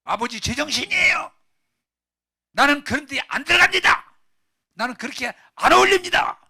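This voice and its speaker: A man voicing an indignant, stubborn elder son who shouts his protest in a high, strained voice. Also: quick pace.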